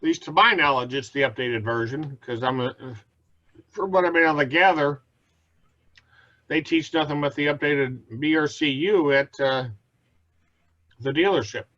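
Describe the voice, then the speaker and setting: A man chatting casually with fellow rider coaches over a video call, easygoing and quick to laugh. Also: fairly high pitch, bright, forceful tone. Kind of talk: casual chat. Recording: dull lo-fi video call audio.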